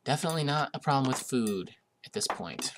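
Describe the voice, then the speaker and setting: Over a noisy background, a young man narrates his gameplay briskly in an expressive, mid-range voice. Still sniffly from a recovering cold, he keeps up amused, chatty let's-play commentary full of hesitations and uhs.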